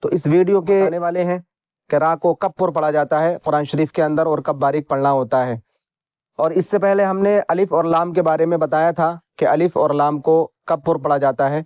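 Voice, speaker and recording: A man teaching Quran reading rules in a patient lesson, repeating each point and spelling out letters slowly. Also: a little high, steady tone, a little mellow, smooth, dry recording, highs cut off. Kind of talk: slow instructional lesson.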